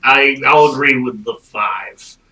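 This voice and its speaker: A man's voice: medium pitch, slow pace, bright, forceful tone. A man running a tabletop game as game master, explaining the world's lore to his players. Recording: distant mic, music bed.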